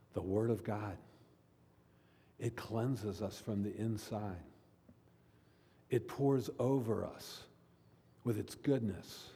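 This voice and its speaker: A man's voice: on the low side, mellow, slightly rough, in a large hall. A man preaching a sermon as pastor, speaking earnestly and repeating key phrases for emphasis.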